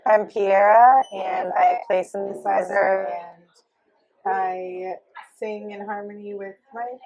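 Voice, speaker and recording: A woman from New York speaks slowly in an interview, weighing her words. Her answers are hesitant and often trail off softly. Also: medium pitch, steady tone, a crowd in the background, rough recording. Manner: hesitant, soft-trailing, slow. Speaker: keyboardist and harmony singer.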